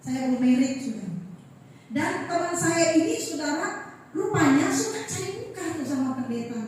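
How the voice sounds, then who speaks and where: A woman's voice: sits high, normal speed, slight background noise. A middle-aged woman pastor from Manado, preaching a sermon full of personal stories and often turning to the congregation. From Manado, Indonesia. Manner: animated, keeps addressing the congregation. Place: church hall. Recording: echoey church hall from far off.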